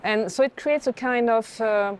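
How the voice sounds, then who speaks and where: At an indoor art fair, a woman speaking as a senior curator offers reflective, conversational commentary on art in a fairly high voice at a moderate pace. Faint fair noise can be heard in the background.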